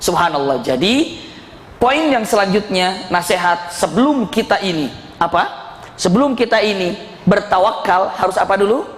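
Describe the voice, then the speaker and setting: A man giving an Islamic sermon with storytelling. He talks in a lively way, laughs through his anecdotes and asks and answers his own questions. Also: high-pitched, moderate pace. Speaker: preacher. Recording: echoey hall with faint ambience.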